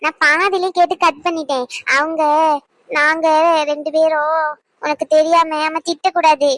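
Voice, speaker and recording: A woman's voice: high voice, little pitch movement, normal speed, a bit bright, dry recording. A woman voicing a timid, sheepish young daughter in a cartoon, who talks hesitantly and apologetically. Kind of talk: Tamil cartoon voice acting.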